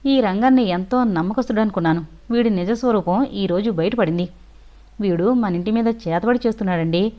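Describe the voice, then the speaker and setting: A woman's voice: mid-range voice, normal speed, close to an everyday voice. An agitated, accusing housewife from an audio novel , voiced by a woman. Her voice is heated and fearful, on a dull, lo-fi recording. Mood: angry.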